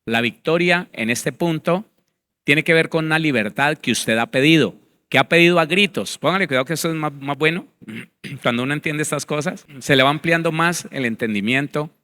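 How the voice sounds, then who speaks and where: A man's voice: on the high side, moderate pace, pushed and bright, smooth. A male pastor teaching a Bible seminar, reading word definitions aloud and speaking to his listeners directly, with emphatic repetition.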